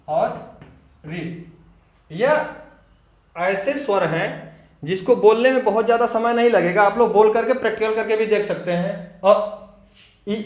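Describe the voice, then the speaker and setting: Male hindi teacher, classroom lecture, asks and answers his own questions, high voice, echoey room. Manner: repeats key terms slowly while writing on the board.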